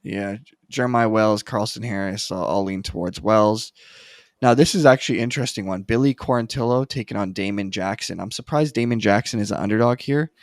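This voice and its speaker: A man co-hosting a casual chat, giving his picks in a relaxed, hesitant way with frequent restarts. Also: fairly low pitch, fairly quick, dry recording, studio quality. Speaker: co-host making fight picks.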